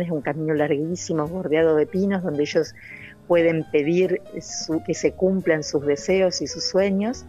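Over a remote call, a middle-aged novelist from Santa Fe, Argentina, speaks earnestly in an interview, her low, slightly mellow voice full of hesitant fillers. The audio is dull and lo-fi.

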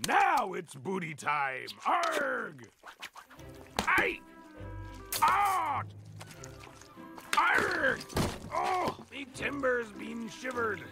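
A man voicing a goofy, childlike, dim-witted cartoon monster, excitable and naive. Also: very high voice, slow, gravelly, few pauses, over music, exaggerated voice. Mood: greedy glee. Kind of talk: cartoon character acting.

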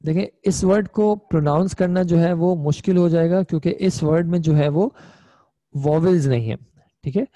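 A man's voice: fairly high pitch, normal speed, mellow, no echo, muffled recording. A young man teaching an online Arabic grammar class, explaining patiently step by step and checking in with his students. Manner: patient, explains step by step, often asks "ठीक है?".

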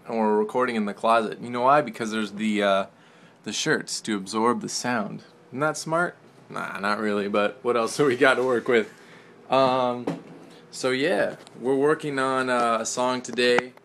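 A man's voice: medium pitch, normal speed, fairly bright tone. Young band guy goofing around inside a closet, loose and cussy, a lil background hiss. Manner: joking, loose, cussing. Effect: recorded inside a clothes closet. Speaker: band member. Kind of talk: casual studio vlog.

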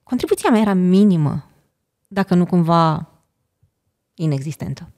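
A middle-aged woman from Romania, a podcast guest, telling stories in a casual chat and often checking in with her listener. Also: lowish voice. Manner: animated storyteller, often asks "știi?".

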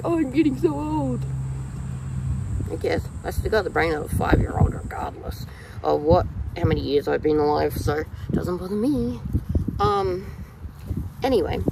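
A woman in her thirties with an Australian accent, chatting to her phone camera outdoors in a rambling, animated way. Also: medium pitch, gravelly, heavy background noise. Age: 30s. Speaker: vlogger. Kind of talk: casual talk to camera. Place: outdoors in a yard, in shade. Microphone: phone camera held low at arm's length.

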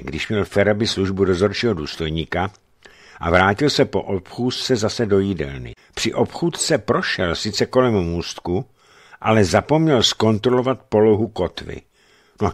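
Low-voiced, expressive male reader. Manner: expressive literary reading. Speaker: radio reader. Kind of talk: scripted audiobook narration.

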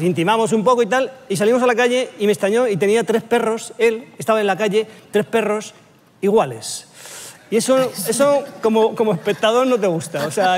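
A man's voice: high voice, a little hiss or hum. A man on a comedy panel show, telling a rambling, exaggerated story with lots of swearing and laughing. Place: TV studio with live audience.

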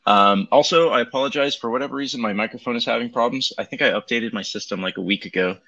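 Through the tinny sound of a Bluetooth headset, a man rambles casually on a livestream about crypto charts, dropping many ums along the way. He's a crypto market commentator with a mid-range, bright, forceful voice, and he talks fast.

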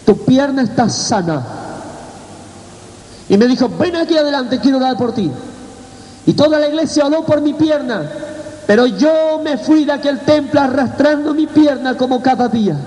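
A man's voice: very high-pitched, dark tone. A man with an Argentine Spanish accent giving his testimony as a sermon, in an emotional, tearful storytelling way. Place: church hall. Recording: church hall reverb.

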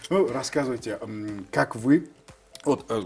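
A young man hosting a morning TV show, playful and teasing, laughing often in a bright studio on a lapel mic. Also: mid-range voice, unhurried, over music. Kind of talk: joking TV studio interview.

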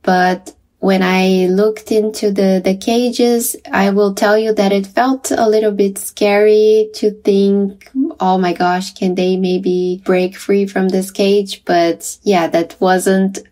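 A woman's voice: mid-range voice, little pitch movement, slow pace, mellow. A woman journalist telling a podcast host about her visit to a facility, chatty, with light laughs and small restarts. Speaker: science journalist reporting from a visit. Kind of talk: conversational podcast interview.

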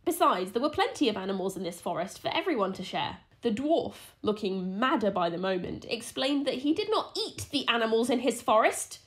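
A woman's voice: a little high, fairly quick, few pauses. A woman co-hosting a podcast, reading a folklore story with playful asides. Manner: lively, playful, giggly asides. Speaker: podcast co-host.

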